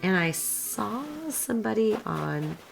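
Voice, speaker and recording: Woman with a hoarse smoker's rasp. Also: mid-range voice, slow pace, over music, poor audio. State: hoarse from a recent illness. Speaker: video creator narrating game footage. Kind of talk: casual gameplay commentary.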